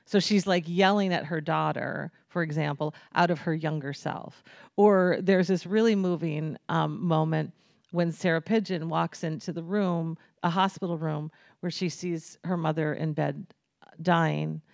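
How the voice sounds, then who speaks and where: A woman's voice: low voice, steady tone, unhurried, vocal fry, darkish tone, no echo, studio quality. A woman author speaking earnestly and thoughtfully in a conversational interview.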